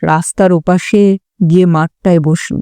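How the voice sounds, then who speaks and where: A woman reading an audiobook, voicing a calm young man who speaks in a measured, firm way. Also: on the low side, clean tone, no echo, voice pushed down, close to an everyday voice. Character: calm young man, the first-person narrator. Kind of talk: audiobook character voice.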